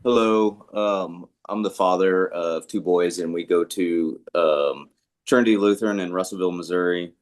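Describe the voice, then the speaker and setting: A man, a father of two boys, introducing himself on a video call in a plain, slightly halting way. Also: low voice. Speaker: parent joining a call.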